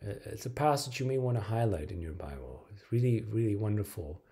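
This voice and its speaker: A man's voice: on the low side, expressive, a little fast, mellow. Hesitant middle-aged man preaching to camera. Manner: hesitant, many filler words and restarts. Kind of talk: video sermon to camera. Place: small bright room indoors.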